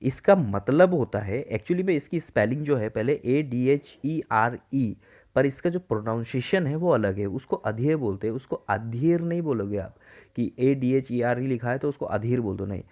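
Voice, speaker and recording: A man with an Indian accent teaching vocabulary from a newspaper editorial. He reads English phrases slowly word by word, spells words out letter by letter, and explains them in Hindi. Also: medium pitch, animated, a little mellow. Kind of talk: exam-prep vocabulary lesson.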